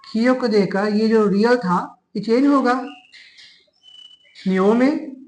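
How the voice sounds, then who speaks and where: Slow, deliberate Pakistani man teaching. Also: high voice, a little mellow, rough recording. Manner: slow and deliberate, spelling out syllables one by one. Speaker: language teacher. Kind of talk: classroom lesson explanation.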